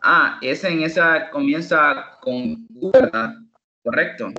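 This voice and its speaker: Salvadoran guy teaching english online, slow and repeats every word, bright voice, roomy muffled call audio. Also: fairly high pitch, faint music behind. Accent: Salvadoran Spanish. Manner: slow, repeats words for pronunciation drills. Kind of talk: online class lesson.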